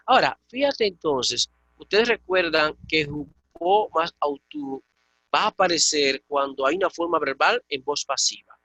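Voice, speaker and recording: Bright-voiced man teaching Greek grammar. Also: on the high side, creaky, dry recording. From Dominican Republic. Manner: explains patiently, checks with students. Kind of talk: online class lecture.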